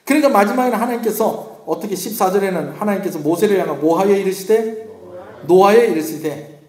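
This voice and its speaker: A man's voice: high-pitched, fairly quick, a little mellow. A male pastor preaching at a Friday prayer meeting in a church sanctuary. He keeps asking the congregation questions and then answers them himself. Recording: echoey church room.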